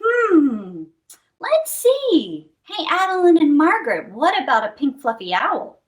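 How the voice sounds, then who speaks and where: Hosting children's storytime, a woman with a high voice reads a picture book a little slowly. Her delivery is animated, expressive, and playful, with sound effects and questions directed at the young listeners.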